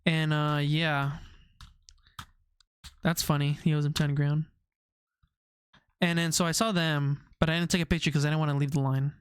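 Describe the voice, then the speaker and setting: A man's voice: on the high side, flat delivery, normal speed, pauses often, clean tone, no echo. A young man streaming, chatting casually with his viewers, rambling off on tangents and laughing often.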